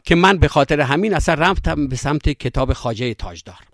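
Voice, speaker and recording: A man from Yazd with a Yazdi accent, a storyteller who recalls his past in an interview in a reflective way with filler pauses. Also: a little high, animated, a bit bright, dry recording, clean studio sound. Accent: Yazdi Persian. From Yazd, Iran. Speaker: storyteller guest. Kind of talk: interview conversation.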